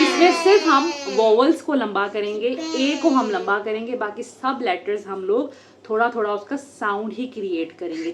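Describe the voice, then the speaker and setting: A woman giving a phonics lesson at home, sounding out letters slowly and with care. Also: fairly high pitch, slight background noise. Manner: slow, drawn-out sounding of letters. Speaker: homeschool teacher.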